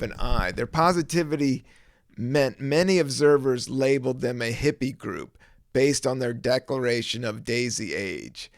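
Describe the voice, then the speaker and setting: A man's voice: medium pitch, creaky, dry recording, studio quality. A man hosting his own podcast in a rambling, laid-back chat full of fillers. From American South. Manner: rambling, laid-back, many fillers, laughs and sings snippets. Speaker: podcast host. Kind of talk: casual solo podcast chat.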